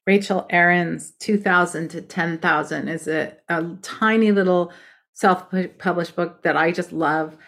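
Frank, lowish-voiced woman book coach. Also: fairly even intonation, measured pace, fairly bright tone. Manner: emphatic and direct, frank about method. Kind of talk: casual podcast conversation.

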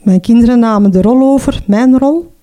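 A middle-aged Flemish woman giving a personal testimony in an earnest, halting way, often ending with a questioning tag. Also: on the high side, dark tone. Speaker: mother telling her story.

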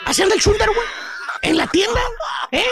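A man's voice: extremely high pitch, a little fast, crowd noise. A man with a Mexican accent hosting a comedy radio show, telling slangy comic stories in a boisterous, exclamatory way. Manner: boisterous, exclamatory, often shouting and laughing.

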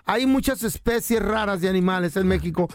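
A man with a Mexican Spanish accent hosting a podcast, telling a story in a lively, casual way. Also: sits high, fairly quick. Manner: animated, acts out quotes. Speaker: podcast host.

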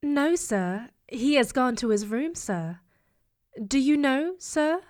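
A woman plays a fretful, deferential working-class Victorian housekeeper in an audio drama, rambling anxiously in a worried mood. Her voice is high, slow, a little mellow, with lively intonation.

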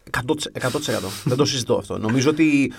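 A man's voice: mid-range voice, expressive, creaky, slight background noise. A man chatting casually as a podcast co-host, telling stories with wry, grumbling humor. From half English. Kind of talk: casual chat.

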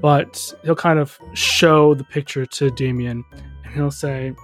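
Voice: mid-range voice, fairly even intonation, unhurried, faint music behind. Game master narrating a tabletop scene. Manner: describes scenes with small asides and laughs.

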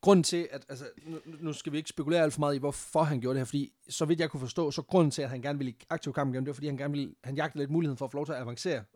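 A man's voice: a little high, fairly even intonation, few pauses, a little mellow, dry recording, studio quality. A man casually telling a history story on a podcast, laughing often and swearing freely, with English phrases mixed in.

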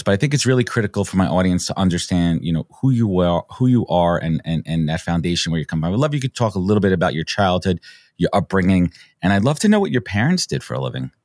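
A man hosting a podcast interview, eager and chatty, often repeating words as he gets excited. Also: low-pitched, no room sound, clean studio sound. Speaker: podcast host. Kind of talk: enthusiastic interview chat.

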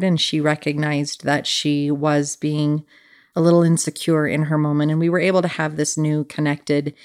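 Low-voiced, earnest middle-aged woman. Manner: earnest, thoughtful, sincere. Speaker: speaker sharing a personal story. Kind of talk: reflective personal storytelling.

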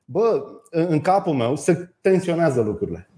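A man's voice: on the high side, big pitch swings, dark tone. A man co-hosting a casual podcast chat, blunt and crude, arguing his points plainly. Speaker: podcast co-host.

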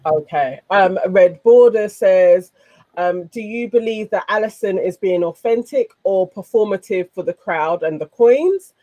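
Woman, mid-pitched, dry close recording, casual host chat, reading comments. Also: lively intonation, a little slow, warm tone, no echo. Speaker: panel show host.

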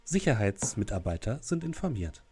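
A man voicing a cleaning drone's robot announcement in a flat robotic monotone, slow and even. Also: on the low side, husky. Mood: mechanical. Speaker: game master.

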